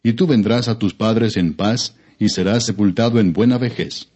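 A man reading scripture as an audiobook narrator in a solemn, measured, formal manner. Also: fairly low pitch, darkish tone. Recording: dull, lo-fi audio.

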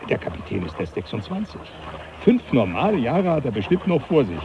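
An actor playing a jovial, teasing professor who laughs often, in a radio play. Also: male voice, medium pitch, very animated, a little fast, muffled recording. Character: jovial older male professor, mocking. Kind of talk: 1980s radio play acting.

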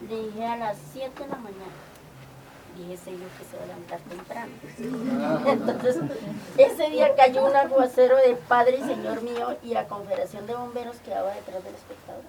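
An older woman from Colombia, telling lively stories from her community work, often acting out quoted dialogue. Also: mid-range voice. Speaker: community organizer. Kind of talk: storytelling. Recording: distant mic with clear background noise.

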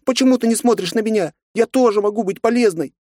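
A man's voice: fast, a little mellow, dry recording, clean studio sound, close to an everyday voice. Man voicing a tearful teenage girl Nastya. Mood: upset. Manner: pleading, tearful, high-pitched. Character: hurt, pleading teenage girl, daughter.

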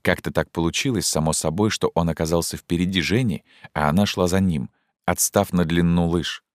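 A man reading literary prose aloud as an audiobook narrator, in a measured, even delivery. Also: low voice, no room sound, clean studio sound.

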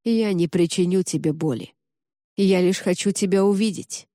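A woman voicing an earnest young man in love in an audiobook, speaking softly and hesitantly. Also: fairly low pitch, no echo, clean studio sound, close to an everyday voice. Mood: tender. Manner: soft, hesitant, slow and coaxing. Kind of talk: audiobook character reading.

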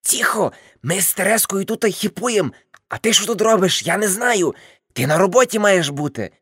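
Brief: woman voicing older male ex-hippie, boastful, rambling, animated delivery, dry studio read. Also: medium pitch, moderate pace, slightly rough, no echo, pitched above the performer's own voice. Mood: brash tipsy.

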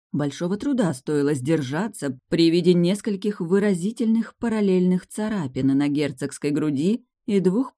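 Measured audiobook narrator, even delivery. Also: mid-range voice. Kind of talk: audiobook narration, reading all characters.

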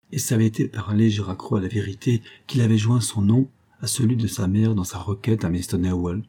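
Male narrator for a classic novella, low, husky, even literary delivery. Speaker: audiobook reader.

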